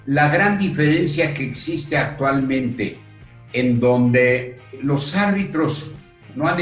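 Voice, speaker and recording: An older man with a Mexican accent, a guest telling his story earnestly, pausing often. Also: mid-range voice. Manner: slow, earnest, with pauses and fillers. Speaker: guest, retired referee. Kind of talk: reflective storytelling in conversation. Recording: roomy echo with faint music.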